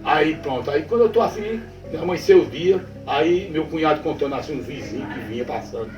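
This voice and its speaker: A man with a Northeastern Brazilian accent tells a backlands ghost tale in a rather high voice, going back over his own phrases and checking in with his listener. He sounds a little far from the mic in a roomy space, with faint music underneath. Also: animated, fairly quick. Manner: repetitive, checks in with the listener often. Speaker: storyteller. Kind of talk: spoken folk tale told to a listener.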